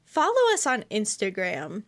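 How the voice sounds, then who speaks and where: A young woman co-hosting a podcast from home, bubbly and lively in casual chat, laughing often. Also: medium pitch, measured pace. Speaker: podcast co-host. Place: home bedroom.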